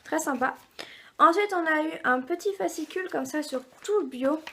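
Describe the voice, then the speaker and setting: A woman's voice: sits high, normal speed, bright, forceful tone, slight background noise. A woman vlogger chatting casually through a box unboxing, reading product labels aloud with many fillers.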